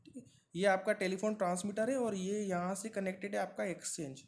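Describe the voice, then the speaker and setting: A man's voice: sits high, steady tone, brisk, slight background noise. A man teaching an exam-prep lesson, explaining step by step and answering his own questions, with frequent "right?" checks.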